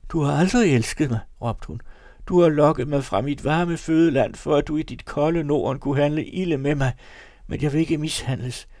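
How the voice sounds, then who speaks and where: A man's voice: mid-range voice, vocal fry, a little mellow, dry recording, clean studio sound. A man reading a pleading, tearful young wife. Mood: accusing.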